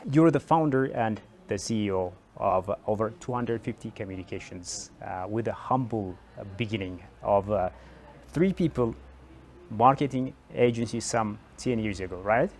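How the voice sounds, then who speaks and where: A man hosting a broadcast interview in a TV studio speaks in a low-pitched voice. He pauses often, filling gaps with "uh" and restarting his questions. A faint studio ambience sits underneath. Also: darkish tone, a little hiss or hum. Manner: halting, many fillers and restarts. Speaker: TV talk show host.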